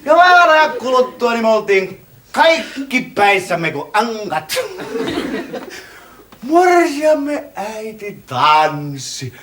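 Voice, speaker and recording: Man, comic stage monologue, tipsy wedding guest, boisterous, high voice, very lively pitch. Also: noisy background. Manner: boisterous storytelling, swinging from shouts to hushed awe. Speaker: stage performer.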